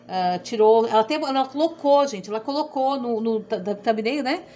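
A middle-aged sewing instructor with a southern Brazilian Portuguese accent gives a chatty tutorial, rambling, repeating herself, and making self-deprecating remarks. Her voice is a touch high and warm, at normal speed, and the muffled, dull audio carries a faint background hum.

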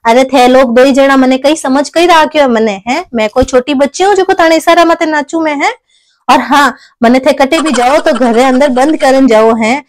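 A woman voices a sharp-tongued older mother in a Rajasthani comedy skit. Her voice sits high, and her Marwari accent is plain. She lectures in a scolding way and keeps pressing with tag questions. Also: normal speed, no room sound, close to an everyday voice. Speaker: skit actor.

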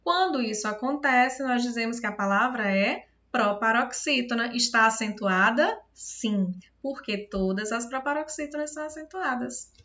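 A woman's voice: a little high, normal speed, hardly any pauses, sharp tone, dull audio. A woman with a Brazilian accent giving a recorded video lesson as a teacher. She explains step by step, patiently, and keeps checking whether her students understand. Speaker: Portuguese teacher.

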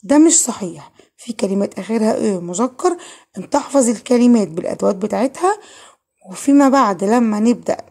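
Husky-voiced Egyptian woman teaching French. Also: a little high, warm tone. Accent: Egyptian Arabic. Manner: patient, asks and answers her own questions. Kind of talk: online lesson explaining grammar.

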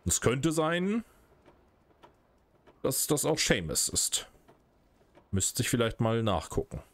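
A man's voice: mid-range voice, sing-song, slow. A man casually commenting while playing a video game, musing aloud and muttering to himself. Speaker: gamer playing a cat adventure game. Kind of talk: casual let's play commentary.

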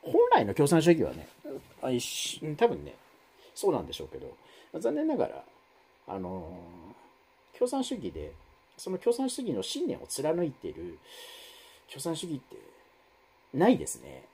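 A man's voice: wildly swooping pitch, unhurried, pauses often, mellow, breathy edge. A man hosting a live stream, chatting casually with viewers and reading their comments, rambling with many fillers. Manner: rambling, many fillers, wide swings in pitch.

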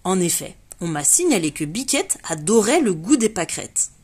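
A woman reading a children's storybook aloud, giving the characters bright, lively voices. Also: on the low side, moderate pace, husky. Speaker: reader of a children's book.

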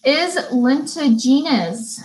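Slow, chatty woman teaching a class. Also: high voice, animated, a little mellow, poor audio. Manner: chatty, laughs easily, stumbles and restarts; reads definitions slowly, then chats. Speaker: beauty school instructor. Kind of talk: live online vocabulary lesson.

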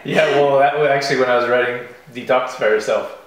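A man in his thirties co-hosting a casual morning chat at home, relaxed and chuckling often. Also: medium pitch, fast. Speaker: co-host. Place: home kitchen. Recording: echoey kitchen room.

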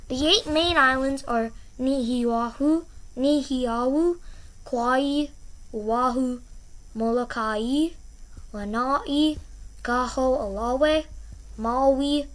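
A woman's voice: high voice, extremely slow. A woman hosting her own educational channel, explaining a topic in a chatty, encouraging way and repeating key words for emphasis. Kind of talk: casual explainer.

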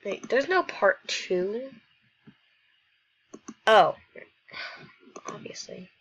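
A woman reads a game story aloud in a playful, rambling way, dropping quick asides between lines. She talks at an unhurried, drawn-out pace at a middling pitch. The recording sounds dull and lo-fi. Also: very animated, fairly bright tone, husky. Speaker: gamer reading a story aloud. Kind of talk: casual commentary while reading game captions.

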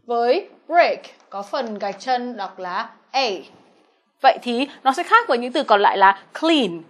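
In this exam-answer walkthrough, a young adult woman teaches English using Vietnamese and English words with a Vietnamese accent. She speaks at a measured pace in a fairly high, animated voice, patiently and often checking in with the students.

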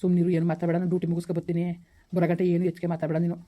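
A woman playing a family member who keeps calming everyone before leaving for duty, soothing and insistent, in a village family skit. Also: on the low side, very fast, close to an everyday voice.

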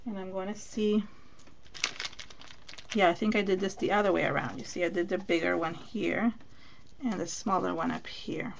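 Her voice sits on the low side with a noticeable gravelly fry: a Venezuelan woman speaking Spanish-accented English during a live craft demonstration. She talks at a moderate pace with long pauses, chatting, thinking aloud while working, and replying to viewers, over slight background noise.

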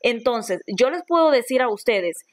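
A woman's voice: a little high, lively intonation, normal speed. A Honduran woman teacher giving a recorded grammar lesson, patient, often repeating and restarting phrases as she explains. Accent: Honduran Spanish.

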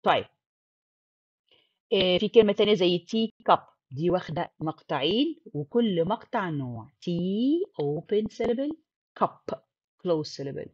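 A woman's voice: on the low side, sing-song, a little slow, breathy edge, dry recording, muffled recording. A woman teaching phonics, mixing English terms into her explanations and checking in with the learner often.

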